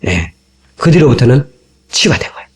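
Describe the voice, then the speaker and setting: A man's voice: mid-range voice, brisk. A man preaching a sermon as a pastor, talking animatedly and acting out the people in his stories, from an old cassette tape. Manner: animated, acts out quoted voices.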